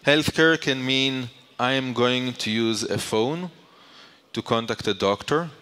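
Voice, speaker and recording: Delivering a conference presentation in a big hall with long, echoing reverberation, a man speaks slowly in a mid-range voice that is pushed and bright, with a clean tone. He explains his subject by posing questions to the audience and then answering them.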